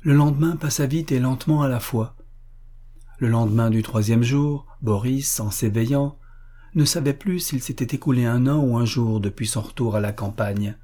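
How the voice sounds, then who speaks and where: A man narrating a classic novel as an audiobook, in measured, even storytelling. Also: mid-range voice. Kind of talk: literary audiobook reading.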